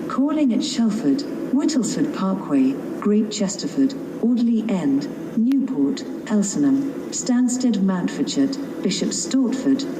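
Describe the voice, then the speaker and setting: A woman's station announcement booms with heavy echo across a noisy train platform. She reads in a slow, measured, list-like way, heard at a distance from the speakers. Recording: echoey station PA from afar, noisy.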